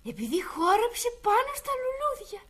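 A lively, high-voiced little girl. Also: full character voice. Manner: high, lively, sing-song and childlike. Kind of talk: children's show acting. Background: music.

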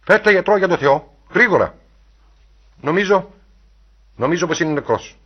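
A man reading a novel aloud, voicing a frantic young man who shouts for help. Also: low-pitched, husky, lo-fi sound, pitched below the performer's own voice.

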